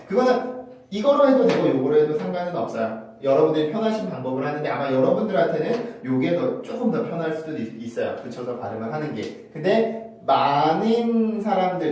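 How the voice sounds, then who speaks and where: A man's voice: fairly high pitch, darkish tone, a little hiss or hum. Man teaching in a very echoey room. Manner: explains patiently, repeats example sentences slowly. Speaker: English pronunciation teacher. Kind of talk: video lesson. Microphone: clip-on phone mic. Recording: very echoey room, mic at a distance.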